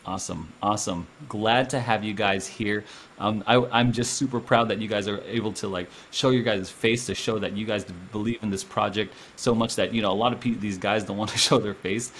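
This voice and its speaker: A man's voice: fairly low pitch, brisk, a little hiss or hum. A young man hosting a casual interview from a small room at home, talking animatedly into the camera. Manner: animated, gestures a lot, speaks to camera. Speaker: host.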